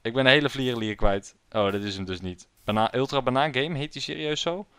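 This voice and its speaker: A man's voice: medium pitch, brisk, a bit bright, smooth, no room sound, clean studio sound. A young man giving jokey, self-mocking commentary while playing a video game. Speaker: gaming YouTuber. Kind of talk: casual let's-play commentary.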